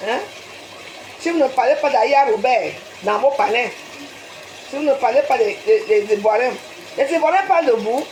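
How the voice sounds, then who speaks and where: A woman's voice: a little high, animated, moderate pace, long pauses, a little mellow. A woman with a Cameroonian French accent ranting on a live stream, lecturing her viewers with rhetorical questions and a tagged "hein?". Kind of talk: scolding live-stream rant. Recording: roomy echo, faint noise.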